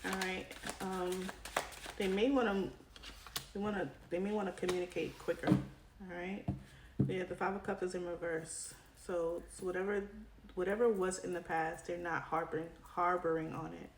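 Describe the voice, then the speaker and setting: This tarot reader speaks at normal speed with a lowish voice and little pitch movement. Chatty and addressing viewers head-on with plenty of "right?", she delivers a casual reading while a cold wears her voice down. Shuffling cards and clicks echo through the room.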